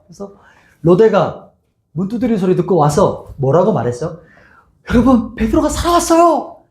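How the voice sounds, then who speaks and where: With a mellow, fairly high voice, a pastor preaches an expository sermon in an echoey church sanctuary. He fires question after question at the congregation, many of them rhetorical, leads them in reading scripture aloud, and acts out the scene with voices.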